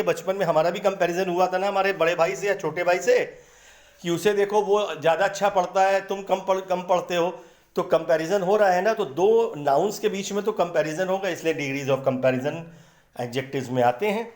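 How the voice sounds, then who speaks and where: High-voiced man teaching, echoey room. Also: a little mellow. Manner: patient, repeats words syllable by syllable. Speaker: English grammar teacher. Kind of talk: explanatory lesson in Hindi.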